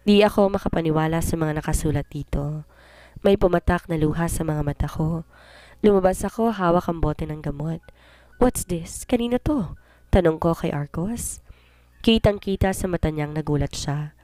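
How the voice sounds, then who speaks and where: A young adult woman narrating a first-person story with a fairly low voice. Her delivery is expressive and slips English phrases in now and then. The recording is close and dry. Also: moderate pace, no echo.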